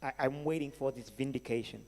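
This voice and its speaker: A man's voice: mid-range voice, fairly quick, darkish tone. A man with a Senegalese accent answering questions as a keynote speaker, conversational and emphatic, with rhetorical questions. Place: large hall at a live event. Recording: echoey hall with long reverb.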